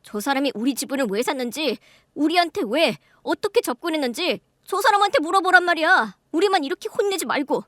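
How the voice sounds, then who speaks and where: A bratty, defiant daughter in her late twenties snaps back at her father in a radio drama, voiced by a woman. Her voice is high and lively. The sound is dry and close. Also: fairly quick, no room sound. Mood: indignant. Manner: whiny, talking back.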